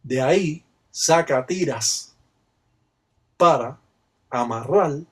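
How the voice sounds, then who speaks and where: A man explains a ritual in a slow, deliberate way. His voice is husky and unhurried, and his tone is solemn and measured throughout. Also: fairly high pitch. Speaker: religious practitioner explaining a ritual. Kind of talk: slow instructional narration.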